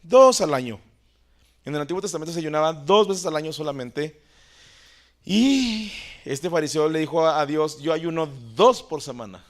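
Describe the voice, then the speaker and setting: Male pastor, fairly high voice, chatty sermon that swells into shouted emphasis. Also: expressive, normal speed, pauses often. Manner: conversational, swings between soft asides and loud emphatic exclamations.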